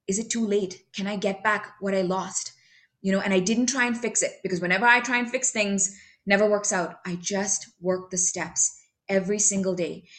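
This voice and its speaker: Woman, recovery meeting share, chatty and candid, self-mocking, filler-heavy, mid-pitched voice. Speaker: member sharing at a recovery meeting. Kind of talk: personal recovery testimony.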